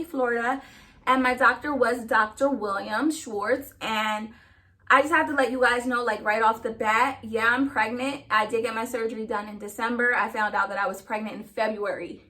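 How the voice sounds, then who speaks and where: Female vlogger, high bright voice, short of breath, sassy, emphatic, casual Q&A. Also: fairly even intonation, normal speed. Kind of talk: casual chatty Q&A to camera.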